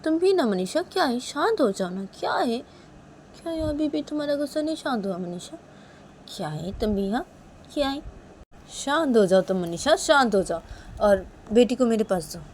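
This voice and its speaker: A woman's voice: medium pitch, expressive, moderate pace, a little hiss or hum, voice pushed up, close to an everyday voice. Woman voicing a playful wheedling young woman. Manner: pleading, repeats "what is it?" and "haan?".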